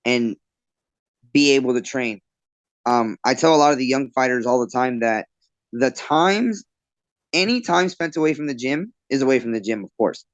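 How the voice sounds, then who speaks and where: A man's voice: mid-range voice, no room sound. Laid-back man telling stories, dull dry sound. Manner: loose, rambling with many fillers and restarts. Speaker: interview guest, fighter and bartender. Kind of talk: casual storytelling interview.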